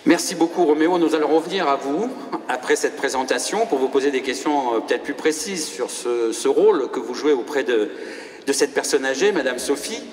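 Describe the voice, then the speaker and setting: A man's voice: mid-range voice, expressive, brisk. A man moderating a live public round table, formal and often searching for his words. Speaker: panel moderator. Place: hall before an audience. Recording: echoey hall with background noise.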